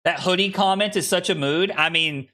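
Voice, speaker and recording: This streamer's voice sits high and sharp at a moderate pace. A man in his late twenties, he plays card games while talking loosely with his viewers, wandering off on tangents, putting himself down and restarting often.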